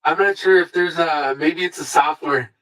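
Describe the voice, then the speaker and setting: A man's voice: on the high side, moderate pace, fairly bright tone. A man calling into a panel from a small room, his voice coming through a tinny, metallic, echoey mic, speaking hesitantly. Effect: tinny metallic echo on the mic. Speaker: panel caller. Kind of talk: casual chat. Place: small room about ten by eleven feet.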